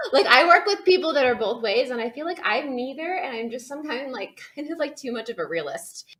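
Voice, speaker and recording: A woman's voice: high-pitched, expressive, normal speed, pushed and bright. A woman hosting a casual interview. She is chatty and laughs often. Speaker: podcast host.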